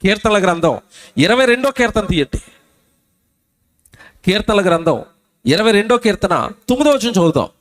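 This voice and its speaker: A man preaching a sermon at a public meeting, reading scripture slowly and pressing the crowd with repeated questions. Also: high-pitched, big pitch swings. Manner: emphatic, asks the crowd repeated rhetorical questions; reads scripture slowly and deliberately. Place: outdoor public gospel meeting.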